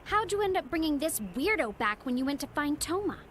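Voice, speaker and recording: An actress playing a blunt, sharp-tongued young female rebel leader. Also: high-pitched, very animated, a little fast, a little hiss or hum.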